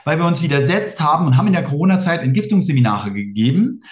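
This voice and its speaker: Fast-talking German man, emphatic. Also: fairly high pitch, expressive, echoey room. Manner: fast, emphatic storytelling, acting out quoted exchanges. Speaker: interview guest. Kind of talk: casual interview talk.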